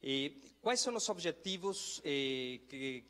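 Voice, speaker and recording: A man's voice: fairly high pitch, expressive, slow, fairly bright tone. A middle-aged man giving a conference presentation, hesitant and often correcting himself. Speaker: trade promotion representative. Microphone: handheld microphone. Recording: reverberant conference hall.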